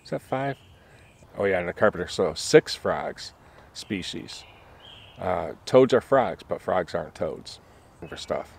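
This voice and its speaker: Speaking in a low, breathy voice with some vocal fry, this man in his forties narrates his outdoor vlog from a forest campsite, camera in hand at arm's length. He's unhurried but lively in intonation, casual and enthusiastic, and he fills his thinking-aloud with plenty of ums and ahs.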